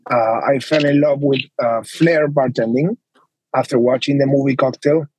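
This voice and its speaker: A man's voice: medium pitch, fairly even intonation, moderate pace, darkish tone, slight background noise, poor audio. A man with an Argentine accent, a guest telling his story in a casual interview, earnest and rambling. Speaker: guest, flair bartender.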